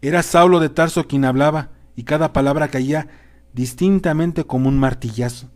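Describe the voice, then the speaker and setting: Solemn male audiobook narrator, slightly high voice, measured reading with emphatic questions. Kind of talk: scripted narration.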